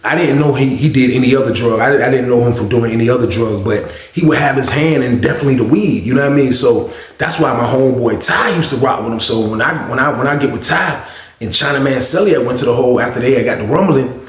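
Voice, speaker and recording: A man's voice: medium pitch, quick pace, reverberant. A man casually telling a story to his viewers, rambling and often adding filler phrases. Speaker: vlogger.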